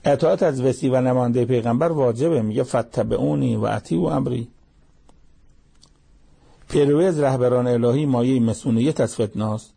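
Gravelly, husky-voiced male preacher. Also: medium pitch, dark tone. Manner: recites Arabic verses, explains in Persian, asks pointed rhetorical questions. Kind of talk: sermon on Quran verses.

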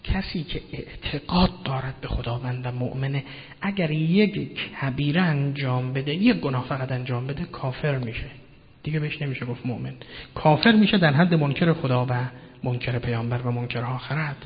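A man preaching a religious lecture, speaking emphatically, swinging from loud to hushed and putting rhetorical questions to his listeners. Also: medium pitch. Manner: addresses listeners directly, asks rhetorical questions. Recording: dull lo-fi sound with long hall reverb.

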